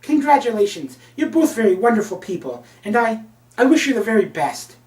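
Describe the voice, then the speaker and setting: A man voicing a cheerful, gruff middle-aged male newspaper editor who stammers through his booming good wishes, recorded in a roomy space away from the mic. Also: very animated, brisk, a little mellow. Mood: jovial. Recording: roomy, from a distance.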